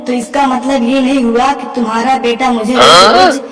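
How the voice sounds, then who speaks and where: A woman's voice: on the high side, steady tone, moderate pace, natural voice. A woman voicing a prim, easily offended middle-aged neighbor aunty who scolds a cheeky young man in a comic cartoon. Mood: indignant. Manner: indignant, scolding. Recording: roomy, distant, with reverb over loud music.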